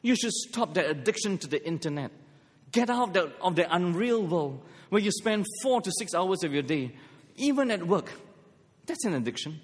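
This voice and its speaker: This middle-aged Malaysian pastor's voice sits high, husky and lively, at a moderate pace. Against long hall reverb, he preaches by mixing scripture with funny personal tales that poke fun at himself.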